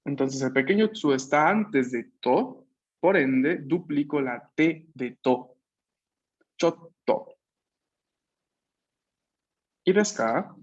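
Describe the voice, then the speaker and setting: A Peruvian man with an expressive mid-range voice teaches an online language class at a measured pace. He explains patiently, repeats key points and makes sure students follow. The video-call microphone leaves the audio slightly muffled.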